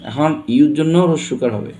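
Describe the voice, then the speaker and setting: A man's voice: a little high, fairly quick, dark tone. A man with a Bangladeshi accent teaching a pronunciation lesson. He spells words out letter by letter and keeps asking his students questions. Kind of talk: classroom lesson.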